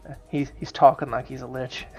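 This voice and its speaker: A man's voice: mid-range voice, level tone, brisk, vocal fry, over music. A man chatting casually as a player in a tabletop fantasy game.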